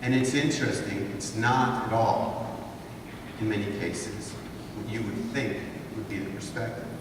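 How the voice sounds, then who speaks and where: His voice is on the low side, steady and a little slow: a fifties-aged Honduran guest speaker addressing students rhetorically, pushing them to think. He's filmed from far away inside a large wood-paneled hall without any visible mic, leaving the sound echoey and noisy.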